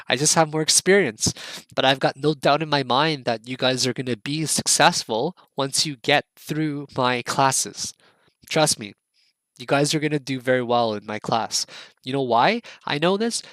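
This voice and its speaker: A man's voice: mid-range voice, a bit bright, dry recording. A man teaching a casual online trading lesson, eager and coaxing, who keeps checking in with his viewers and repeats words and phrases as he goes. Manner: repeats words and phrases, restarts mid-sentence. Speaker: trading instructor.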